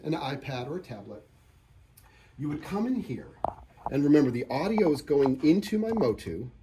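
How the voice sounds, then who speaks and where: A man runs an informal, hands-on demo of software and hardware, explaining conversationally and often rephrasing what he means. His voice is mid-range, dark in tone, and slightly rough.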